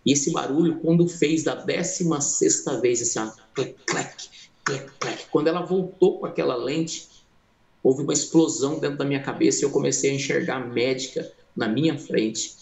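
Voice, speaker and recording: Dramatic preacher in an echoey hall. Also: male voice, mid-range voice, fairly quick, vocal fry, darkish tone. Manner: dramatic storytelling, acting out the people in his story; addresses listeners as brothers. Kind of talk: sermon testimony.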